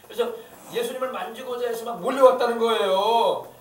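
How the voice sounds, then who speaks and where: Fast, high-voiced pastor preaching fervently. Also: male voice, fairly even intonation, slight background noise. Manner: fervent, emphatic preaching with rhetorical questions. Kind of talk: sermon. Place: church sanctuary. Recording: echoey church hall, mic at a distance.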